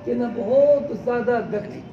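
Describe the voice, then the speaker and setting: A man teaching a class, explaining slowly term by term, asking his students question after question and calling them "beta". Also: extremely high pitch, sing-song, phone-quality sound, noisy background. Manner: quizzes students with repeated questions; addresses listeners as "beta". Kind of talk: classroom lecture.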